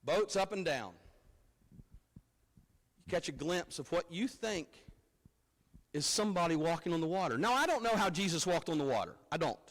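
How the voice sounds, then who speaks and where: A man who is a pastor speaks at a pulpit microphone, his somewhat high voice ringing through a church hall with a long echo. He preaches in a loose, conversational way, often stumbling over repeated words. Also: a bit bright. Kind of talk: sermon. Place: church sanctuary.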